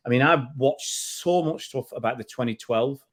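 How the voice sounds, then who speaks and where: A middle-aged Englishman hosts a casual football chat for a fan channel, speaking at medium pitch and a moderate pace. He's chatty and tends to repeat words as he goes.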